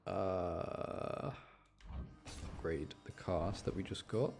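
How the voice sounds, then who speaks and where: A game streamer with a low voice talks extremely slowly over music, giving casual, chatty live gameplay commentary. He explains mechanics and mutters to himself, and the recording is clear but has background noise, with video game sound behind him.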